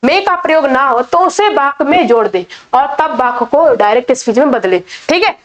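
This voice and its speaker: A woman's voice: high-pitched, animated, dull audio. A woman teaching an English grammar lesson in Hindi, patiently repeating each rule. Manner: slow, patient, repeats key points.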